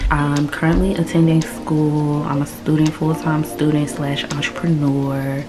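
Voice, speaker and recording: A woman in her early twenties chatting casually to camera in a relaxed, slangy way. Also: deep voice, measured pace. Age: 20s. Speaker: vlogger. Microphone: phone camera.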